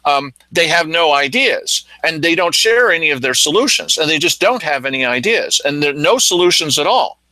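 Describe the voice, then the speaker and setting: A man hosting a local news talk show, telling stories in a casual, animated way and acting out what others said. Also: fairly high pitch, brisk, few pauses, dry recording, rough recording. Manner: animated storytelling, acting out quotes. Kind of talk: casual commentary chat.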